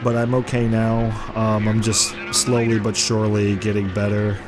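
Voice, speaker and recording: Game car engine noise runs under this commentator's fairly low, moderately paced voice as he narrates his own racing game play-by-play. Flu has left his throat sore and congested, and he gets excited when the car slides.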